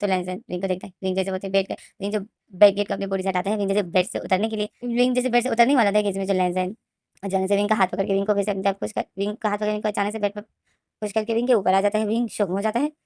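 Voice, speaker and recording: A woman telling her own fan story in a casual, run-on way, piling one clause onto the next. She talks quickly, and the sound is dry and close, with no room around it. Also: mid-range voice, little pitch movement, darkish tone, no room sound. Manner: rapid and run-on, with many restarts. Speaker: fan-fiction narrator.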